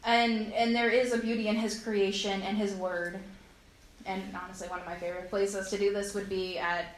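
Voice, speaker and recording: A woman's voice: medium pitch, slight background noise. Earnest woman giving testimony in echoey hall. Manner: heartfelt, earnest storytelling with frequent fillers. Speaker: speaker sharing a personal testimony. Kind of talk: personal testimony to a congregation.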